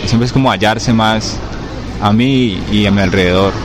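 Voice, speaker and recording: A young man from Cali, Colombia, with a Cali accent, answering interview questions in a halting way, often checking that he is understood. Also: lowish voice. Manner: halting, many fillers and restarts, keeps asking "me entendés?". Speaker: rapper being interviewed. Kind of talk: casual interview talk. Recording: street noise with passing vehicles.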